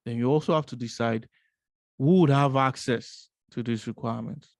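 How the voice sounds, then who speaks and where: Male course instructor, mid-pitched, dry close sound, rhetorical teaching style with steady "right?" check-ins. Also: normal speed, no echo. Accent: non-American English. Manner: repeats "right?" often, asks rhetorical questions. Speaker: business analysis instructor. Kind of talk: explanatory course lecture.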